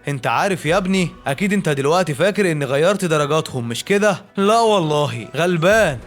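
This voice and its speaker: A man's voice: a little high, expressive, fast, faint music behind, natural voice. A man with an Egyptian accent voicing a scheming, corrupt male school director who talks down to a student. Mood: mocking. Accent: Egyptian Arabic. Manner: mocking, condescending.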